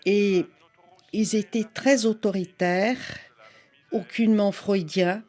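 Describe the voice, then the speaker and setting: Unhurried and reflective, this older Brazilian guest, a psychoanalyst and writer with Portuguese as her first language, laughs now and then during a relaxed interview conversation. Her slow-spoken voice is mid-range and darkish, with a steady tone.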